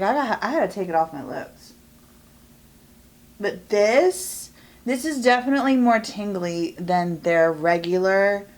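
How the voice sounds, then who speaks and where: A woman's voice: mid-range voice, darkish tone. A young woman, chatting and rambling in a bubbly get-ready-with-me vlog recorded at home. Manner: bubbly, rambling, quick bursts of speech. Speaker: beauty vlogger.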